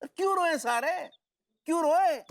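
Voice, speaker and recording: A high-voiced rustic, laughing at hardship. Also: male voice, animated, measured pace. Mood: wry self-pity.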